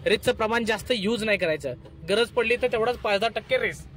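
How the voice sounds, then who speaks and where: High-voiced driving instructor. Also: male voice, a bit bright. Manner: instructive, repeats steps, brisk commands. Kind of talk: in-car driving lesson vlog. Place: inside a car in city traffic.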